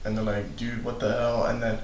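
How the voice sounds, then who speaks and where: A man's voice: fairly low pitch, level tone, brisk. A man telling how he saw a shadowy figure in his house, in an urgent, spooked way. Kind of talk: casual storytelling. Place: room in a house. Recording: echoey room, faint background noise.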